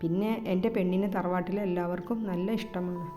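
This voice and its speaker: A woman reads the part of a young man in a romantic audio story, gentle and teasing toward the girl he loves. His soft, playful lines sit in a warm, mellow voice with faint music underneath. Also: on the low side, level tone, brisk, lightly acted. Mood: tender teasing.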